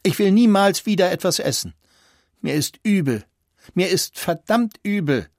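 A desperate, whimpering little boy in a storybook reading, voiced by a man. He whines in a raised, higher voice, recorded dry and close. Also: expressive, moderate pace, darkish tone, no room sound. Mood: frantic. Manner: whining, cursing in despair.

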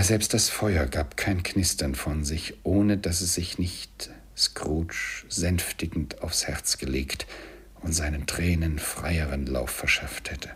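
A man narrating an audiobook in a soft storytelling manner with whispered passages. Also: extremely low pitch, slightly rough.

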